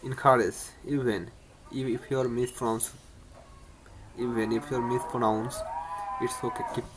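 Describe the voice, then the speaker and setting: A man teaches beginner English on his own channel in a casual spoken lesson. His delivery stays flat, with little rise or fall, and he often stumbles and repeats words. A faint noise sits under the recording. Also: medium pitch, a little slow. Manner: repetitive, many restarts and stumbles.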